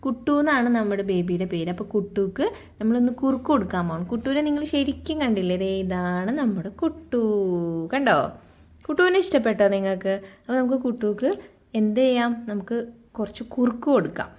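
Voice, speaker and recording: A woman's voice: fairly high pitch, brisk, a little mellow. A woman hosting a casual pretend-play vlog. She chats with her viewers and keeps asking them rhetorical questions. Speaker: vlogger.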